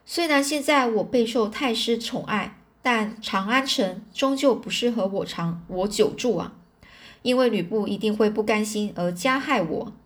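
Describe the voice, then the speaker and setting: A woman's voice: on the high side, moderate pace, lightly acted. A woman reading a storybook, voicing a young female palace beauty who pleads tearfully. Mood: wary.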